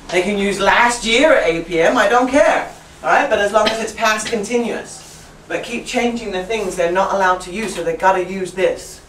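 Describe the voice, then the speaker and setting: A woman leading a teacher training workshop, brisk and chatty, who keeps checking in with "right?". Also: on the low side, slight background noise. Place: classroom. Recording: roomy classroom from far off.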